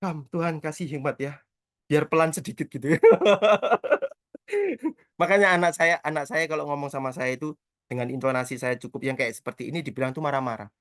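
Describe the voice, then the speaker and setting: A man's voice: fairly high pitch, dry recording, studio quality. A middle-aged man, a church prayer trainer teaching the Bible in a casual, talkative and joking way. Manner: talkative, quick and animated, with self-mocking humor.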